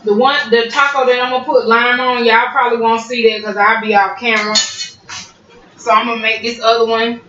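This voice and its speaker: Fairly high-pitched and fairly flat, this woman's voice moves at a normal speed as she eats and chats with y'all in her home kitchen, humming after bites. It's a casual cooking vlog, recorded roomy, distant and muffled, with music playing in the background.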